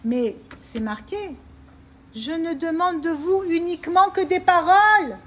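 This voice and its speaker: A woman's voice: very high-pitched, unhurried, fairly bright tone. A woman teaching a group of women about faith, emphatic and repetitive, often asking her listeners if they understand. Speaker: religious teacher. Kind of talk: informal Torah talk to women.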